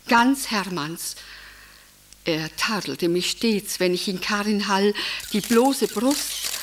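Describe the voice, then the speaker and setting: An actress performing a radio play monologue as a dreamy, wistful older widow who muses and sighs as her thoughts wander. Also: medium pitch. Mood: musing. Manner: wandering, musing, sighing asides.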